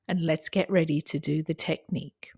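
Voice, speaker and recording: A woman guiding a breathing exercise as an instructor, counting and giving instructions in a measured way. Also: low-pitched, darkish tone, breathy edge. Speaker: breathwork guide.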